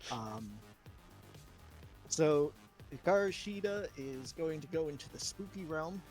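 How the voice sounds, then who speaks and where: Chillhop video game music sits beneath a man's casual, improvised chatter as he thinks aloud while running a wrestling booking game live. He sounds slightly high and a bit mellow, speaking a little slowly with lively intonation.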